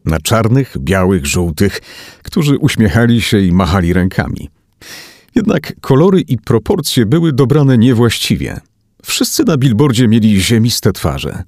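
A man reading a thriller audiobook aloud as narrator, in an expressive, dramatic manner. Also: lowish voice, measured pace, no echo, studio quality. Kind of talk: scripted narration.

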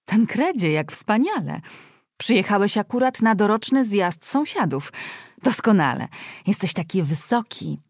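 A woman reading aloud, voicing a fussy, scolding older aunt who talks in an excitable, bossy way. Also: mid-range voice, unhurried, dry recording, clean studio sound, pitched above the performer's own voice. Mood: excited scolding.

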